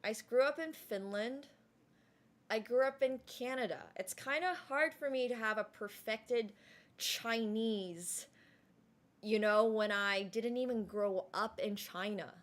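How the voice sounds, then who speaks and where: Casually chatting with her live-stream audience and thanking viewers, a young adult woman, a native Mandarin speaker, speaks in a slightly high voice. She fills her talk with "like" and often restarts herself quickly.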